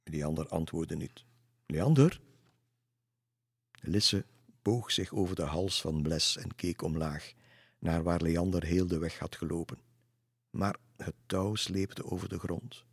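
A man reads a children's storybook in a calm, measured way. His voice is very deep with a husky edge. The recording is dry and close. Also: no echo. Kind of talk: storybook narration.

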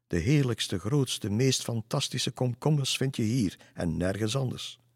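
A man doing a loud bragging farmer. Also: mid-range voice, lively intonation, measured pace, breathy edge, no room sound, studio quality, voice pushed up. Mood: boastful. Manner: boastful, exclaiming. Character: loud boastful man proud of his cucumbers.

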